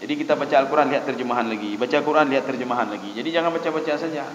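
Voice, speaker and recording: A man's voice: medium pitch, rapid-fire. A man preaching a conversational sermon to a congregation, often addressing them as "Pak" and acting out little dialogues. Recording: echoey hall, dull lo-fi, faint hiss.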